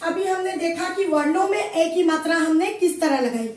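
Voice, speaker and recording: A woman Hindi teacher giving a slow classroom lesson, repeating each word clearly as she spells out sounds. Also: very high voice, recorded from a distance. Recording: echoey room, voice from afar.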